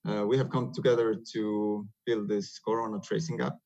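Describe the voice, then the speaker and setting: On a video call, an Estonian-accented software developer presents a webinar in English, his second language. His low, slightly mellow voice has little pitch movement and sounds dull and lo-fi. Hesitant, he often pauses on "uh" fillers and restarts as he explains.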